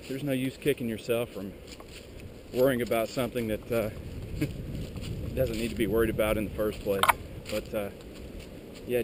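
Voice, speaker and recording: A man talking casually to his viewers while hiking, rambling and filling pauses with lots of "uh"s. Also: mid-range voice. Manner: rambling, lots of filler words. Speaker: vlogger. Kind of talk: casual walking vlog. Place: outdoors on a windy mountain trail. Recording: strong wind noise outdoors. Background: wind.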